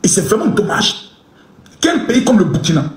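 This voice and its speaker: Ranting man, high and animated. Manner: insulting, shouting tirade with mocking laughter; animated, swings between chanting and fast talk. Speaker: online commentator. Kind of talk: ranting live commentary. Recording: echoey room.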